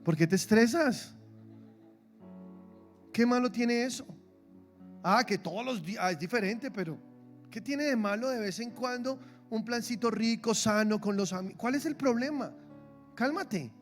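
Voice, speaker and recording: Pastor de voz aguda y animada. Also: male voice, very high voice, measured pace, long pauses, faint music behind. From Colombia. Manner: lively, humorous, acts out quoted voices. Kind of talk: sermon. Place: church.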